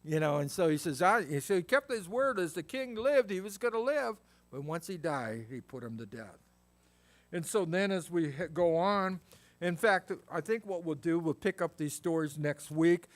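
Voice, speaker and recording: Folksy, higher-voiced man preaching. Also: expressive, normal speed. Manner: conversational and folksy, reads scripture then explains it. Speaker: pastor. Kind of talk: verse-by-verse Bible teaching.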